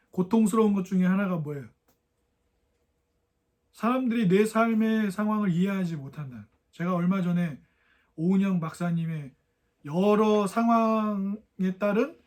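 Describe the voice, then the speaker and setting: A man's voice: high voice, a little mellow. A young adult man preaching a sermon, asking the congregation questions and acting out the voices of mockers.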